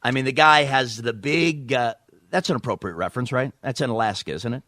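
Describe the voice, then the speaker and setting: This middle-aged man hosts a podcast and spins stories conversationally, performing each character's quotes in their own voice. He speaks briskly in a mid-range tone, and the studio recording is clean and dry.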